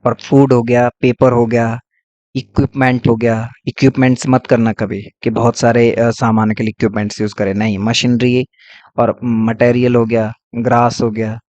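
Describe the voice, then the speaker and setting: A man's voice: mid-range voice, level tone, moderate pace, darkish tone, dry recording, highs cut off. A man teaching English grammar, explaining patiently and repeating key points with frequent checks. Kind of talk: classroom-style lesson.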